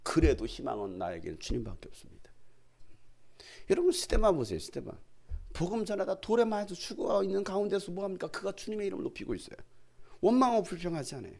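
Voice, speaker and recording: A man's voice: sits high, sing-song, quick pace, vocal fry, darkish tone. A male pastor preaching a sermon in a church, full of rhetorical prompts to the congregation.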